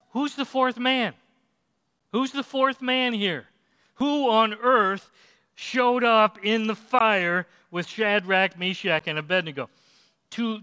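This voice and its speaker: A man preaching a sermon, telling the story with animated delivery, acting out quotes and asking listeners questions. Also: high voice, clear, resonant tone, in a large hall. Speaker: pastor.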